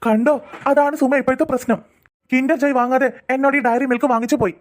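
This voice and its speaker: Woman voicing a pleading cartoon father, rather high voice, talks fast. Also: fairly even intonation, lightly acted. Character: soft pleading father, flustered and apologetic. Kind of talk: cartoon voice acting.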